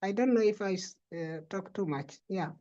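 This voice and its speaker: Over a video call with lo-fi sound, a plant breeder and researcher fields questions in an online webinar. She speaks at a moderate pace with a medium-pitched, warm voice, hesitant and explanatory and full of fillers.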